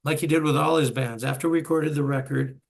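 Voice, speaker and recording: A man's voice: on the high side, fairly even intonation, fast talker, creaky. A man in his seventies hosting an interview, telling stories with chuckling asides. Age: 70s. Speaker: host and bandleader. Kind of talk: reminiscing interview chat.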